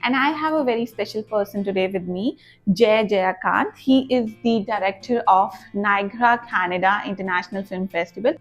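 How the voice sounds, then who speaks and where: A woman's voice: medium pitch, moderate pace, faint music behind. A woman hosting her podcast interview, eager and appreciative of her guest. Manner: eager and appreciative, laughs often. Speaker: podcast host.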